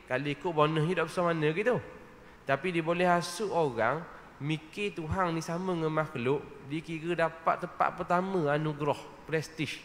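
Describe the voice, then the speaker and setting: A man's voice: a little high, moderate pace, fairly bright tone, slight background noise. Man preaching in a reverberant mosque. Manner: conversational preaching, frequent "ha?" checks with listeners. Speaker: religious lecturer. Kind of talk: mosque evening lecture. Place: mosque hall.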